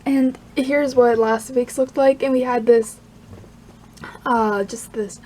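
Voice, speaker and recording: A woman chatting casually about her crochet project, rambling and laughing softly between thoughts. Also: a little high, steady tone, slow pace. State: hiccups. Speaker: crochet vlogger. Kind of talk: casual chat.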